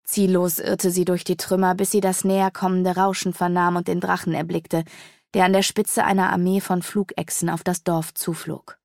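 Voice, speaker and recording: A woman reading a fantasy audiobook aloud in a steady storytelling manner. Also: fairly low pitch, normal speed, gravelly, no echo, clean studio sound. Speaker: audiobook narrator. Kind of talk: scripted fantasy audiobook narration.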